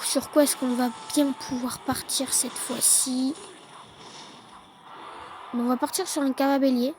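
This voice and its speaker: A woman giving relaxed, chatty play-by-play commentary on her own gameplay, with quick excited bursts. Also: sits high, rough recording. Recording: noticeable background noise.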